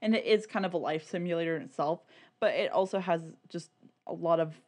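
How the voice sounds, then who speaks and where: A woman with a low, slightly mellow voice talks a little fast while co-hosting a podcast. Her chat is casual and informal, laced with swearing and frequent uses of "like."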